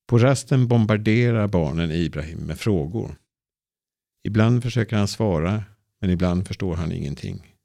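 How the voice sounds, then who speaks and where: A man reading a simple story aloud, slowly and clearly. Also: low voice, dark tone, no room sound. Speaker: narrator. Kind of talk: easy-Swedish storybook reading.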